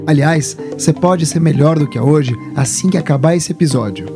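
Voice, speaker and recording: A man's voice: a little high, brisk, music in the background. A man hosting a podcast, speaking in a polished, upbeat, motivational way. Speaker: podcast host. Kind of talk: podcast intro and interview.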